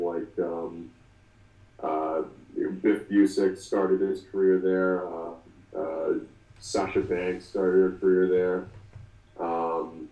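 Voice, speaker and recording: A man's voice: deep voice, mellow, echoey room, recorded from a distance, rough recording. A man in his twenties talking through an interview as the guest, often restarting and filling with ums. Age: 20s. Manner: halting, many restarts and fillers. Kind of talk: casual interview.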